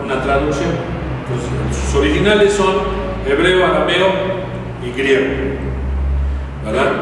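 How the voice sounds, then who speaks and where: Man, conversational Bible teacher, slightly high voice, recorded from afar in a long-echo hall with faint noise. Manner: chatty, rhetorical questions to the audience. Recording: echoey hall from far off, faint hiss.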